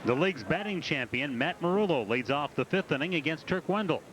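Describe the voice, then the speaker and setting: Slightly high-voiced male baseball announcer. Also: lively intonation, a little fast, fairly bright tone, slight background noise, low-quality recording. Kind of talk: baseball play-by-play commentary. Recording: ballpark crowd behind the voice. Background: stadium crowd.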